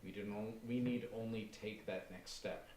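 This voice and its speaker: A man playing a calm, grandiose cult leader who speaks softly and with chilling composure. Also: lowish voice, moderate pace, close to an everyday voice. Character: calm, menacing middle-aged male cult leader. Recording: roomy and distant with faint noise.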